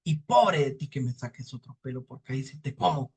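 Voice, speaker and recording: A man's voice: mid-range voice, animated, fairly quick, darkish tone, husky. A man voicing a grumpy, menacing male devil in a folktale, with a strained, raised voice that snaps and threatens. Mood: scornful.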